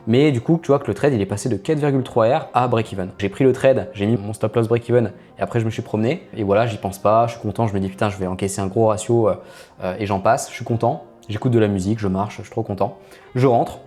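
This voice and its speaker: Speaking at a fairly low pitch, a trading channel host casually narrates his screen for viewers, talking to them directly in a mellow, relaxed, darker voice. He keeps hesitating and saying "euh," with quiet music faintly in the background.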